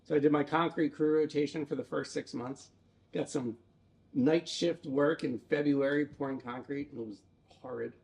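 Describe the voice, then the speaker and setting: A man's voice: on the high side, steady tone, normal speed, gravelly, a little mellow. Joking, self-deprecating male storyteller. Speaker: interview guest, entrepreneur. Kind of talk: casual interview chat. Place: in a theater building.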